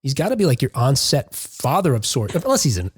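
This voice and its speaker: A man co-hosting a casual podcast chat, relaying entertainment news as an animated storyteller. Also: mid-range voice, fairly quick, slightly rough, dry recording. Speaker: podcast co-host.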